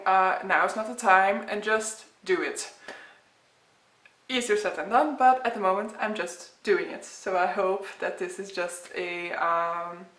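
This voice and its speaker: In an echoey room, a Belgian book vlogger in her thirties chats casually about books to the camera, her mid-range voice carrying a fairly bright tone. She's a native Dutch speaker with a Flemish accent, and her talk rambles along, full of fillers.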